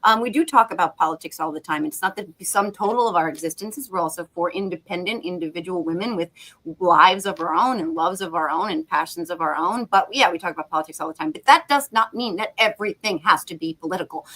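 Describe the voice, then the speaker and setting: A woman co-hosting a casual political chat, animated and blunt, swearing freely, riled up on caffeine. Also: fairly low pitch, fairly quick, rough recording. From United States. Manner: animated, ranting, blunt with profanity. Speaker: podcast co-host.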